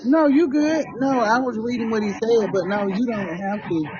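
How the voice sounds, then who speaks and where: A man calling in to a live stream, talking in a relaxed and agreeable way. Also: high voice, moderate pace, dull audio, noisy background. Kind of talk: casual call-in chat.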